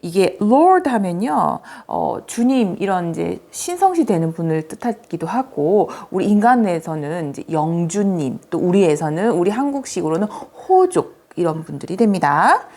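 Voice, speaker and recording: Lively woman teaching English words. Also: on the low side. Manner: slow, drawn-out English model words, then quicker Korean explanation. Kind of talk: bilingual vocabulary lesson.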